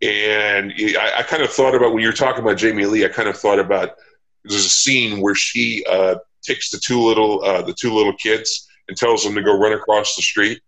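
A man hosting a casual interview, talking in a halting, reflective and long-winded way. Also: on the low side, steady tone, a bit bright, rough recording. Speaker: interview host.

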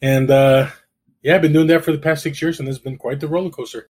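A middle-aged man from El Salvador, a realtor who is a guest on an interview, telling his story in a relaxed way with dry, self-deprecating humor. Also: a little high, quick pace, breathy edge.

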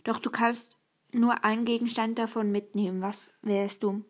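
Woman, higher voice, self-reading a quiz on camera; quick, stumbly, whispery asides. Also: flat delivery. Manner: reads quickly, stumbles and restarts, sometimes drops to a whisper. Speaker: video host taking a quiz. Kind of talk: reading a quiz aloud and answering.

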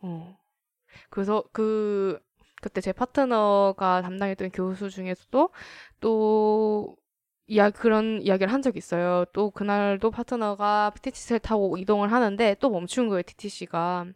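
A woman's voice: medium pitch, steady tone, a little slow, clear, resonant tone, dry recording. Casual, chatty Korean woman with dry sound. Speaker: host of a group discussion. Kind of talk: casual panel chat.

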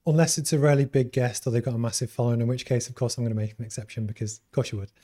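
Fast-talking Scouse host with a mellow voice. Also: male voice, medium pitch, fairly even intonation. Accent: light Scouse. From Liverpool, England. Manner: rambling, uses many fillers. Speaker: interview host. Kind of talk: live-streamed business interview.

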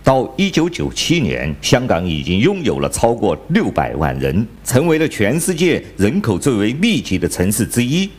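A man's voice: medium pitch, wildly swooping pitch, moderate pace, hardly any pauses, breathy edge. A man hosting a podcast, giving satirical political commentary in a sarcastic, mock-indignant way. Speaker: podcast host.

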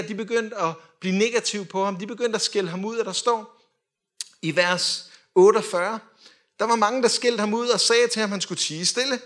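High-voiced lively male preacher. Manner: lively, swings from loud calls to quiet drops. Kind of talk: sermon.

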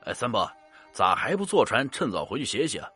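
A man's voice: mid-range voice, big pitch swings, brisk, pushed and bright, breathy edge, faint music behind, heavily acted. A man voicing a timid young ferryman who talks eagerly and pleads anxiously.

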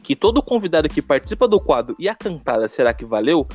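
Male podcast co-host, rapid and rambling, self-mocking humor, faint music underneath. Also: fairly high pitch, very animated, a little mellow, muffled recording. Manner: joking, self-deprecating, fast and rambling. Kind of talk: casual podcast chat.

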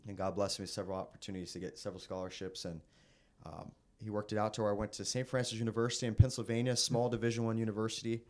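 Fast-talking young man, low voice. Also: level tone. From raised in the Philippines, American. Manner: earnest, halting with restarts. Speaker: guest preacher. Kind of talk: casual interview testimony.

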